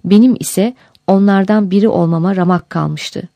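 A woman narrating a first-person memoir aloud in a measured, steady storytelling delivery. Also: medium pitch, gravelly, no room sound. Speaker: audiobook narrator.

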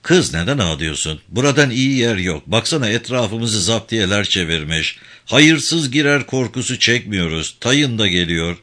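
Man doing a sulky gruff inmate. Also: fairly low pitch, very animated, moderate pace, hardly any pauses, pushed and bright. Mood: scolding. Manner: sulky, scolding. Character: gruff, sulky male fellow inmate from Istanbul.

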